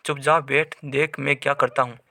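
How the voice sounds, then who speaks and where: Stern commanding old exorcist, man reading, bright voice. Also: mid-range voice, level tone, normal speed, dry recording, clean studio sound.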